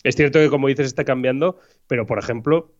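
A man co-hosts a podcast in a relaxed, joking way, full of fillers. His pitch is ordinary, and the recording sounds a little dull and lo-fi. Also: quick pace. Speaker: podcast co-host. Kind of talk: casual podcast chat.

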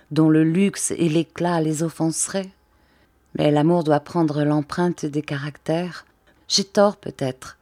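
A gentle, refined countess muses in a soft, measured voice, as a woman reads her in a classic audiobook. The tone is mellow and rather low, and the sound is close and dry. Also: dry recording, lightly acted.

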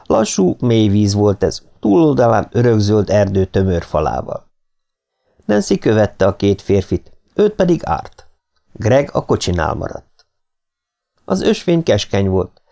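A man narrating an audiobook in a steady, expressive reading. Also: on the low side, gravelly.

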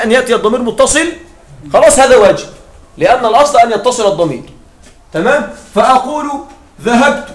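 A man teaching an Arabic grammar class. He keeps checking in with his students with short questions and slowly spells out his example phrases. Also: very high-pitched. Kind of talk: classroom lecture. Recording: echoey room with faint noise.

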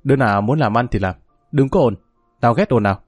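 A man voicing a gruff male gang boss who gives curt commands. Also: mid-range voice, quick pace, dry recording, studio quality, soft background music, natural voice.

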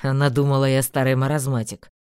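A woman voicing a brusque young nobleman who talks low, clipped and sardonic. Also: level tone, fairly quick, warm tone, clean tone, no echo, studio quality. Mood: dry teasing.

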